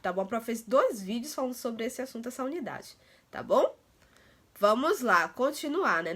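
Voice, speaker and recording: A woman teacher with a Brazilian accent, her voice sitting a little high and sounding bright and clear. She explains a lesson to children in an affectionate, patient way, drawing words out slowly and adding small check-ins to keep them with her. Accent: Brazilian Portuguese. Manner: affectionate, tags nearly every phrase with "né" and "tá"; slows to stretch out words and syllables. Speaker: primary school teacher. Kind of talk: recorded Portuguese grammar lesson for children.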